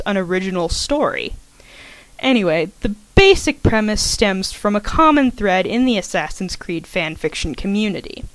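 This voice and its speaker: Reading aloud from commentary she scripted herself, a young fan fiction author keeps things casual, chatty and self-mocking, stumbling over a word here and there. She has a mid-range voice, and there's no echo.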